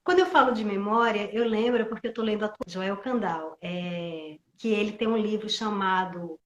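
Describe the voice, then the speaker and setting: A woman's voice: mid-range voice, fairly even intonation, moderate pace, roomy sound, dull audio. A middle-aged woman from Pernambuco, a guest actress and theatre teacher, speaking reflectively in a live video call and often searching for her words. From Pernambuco, Brazil. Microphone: computer mic on a video call.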